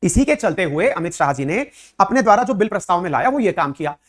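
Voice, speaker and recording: A man's voice: high-pitched, big pitch swings, fast talker. A man who teaches current affairs, explaining to his viewers in a conversational lecturing way, full of rhetorical questions and direct address, with English words mixed in.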